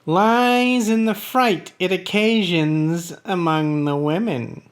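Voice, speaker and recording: A woman voicing a crippled male court jester in a gothic tale, outwardly tranquil and quietly cunning, with measured delivery. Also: lowish voice, pitched below the performer's own voice. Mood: sly calm. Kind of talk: dramatic gothic story reading.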